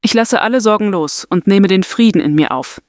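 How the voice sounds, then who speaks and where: A woman leads a guided meditation in a soft, soothing voice. Her pitch sits in the middle range, and each phrase is delivered slowly and deliberately, like scripted affirmations. The sound is close and dry. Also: no echo.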